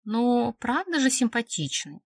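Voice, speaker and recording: A woman's voice: mid-range voice, sing-song, normal speed, dry recording, clean studio sound. A woman voicing a sly, teasing girlfriend. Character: young woman friend, mocking and teasing.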